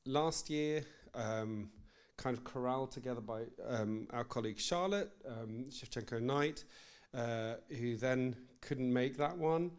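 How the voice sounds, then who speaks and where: A man's voice: mid-range voice, measured pace, clear, resonant tone. A young man opening a live poetry event in a library as its host, speaking informally with lots of ums and self-deprecating asides. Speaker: project manager and event host. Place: library event space with an audience. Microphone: live-streamed event microphone.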